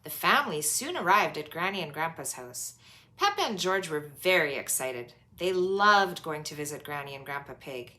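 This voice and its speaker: A woman reads a children's storybook aloud expressively and emphatically, drawing out words for young listeners. Her voice sits low, and she keeps a moderate pace.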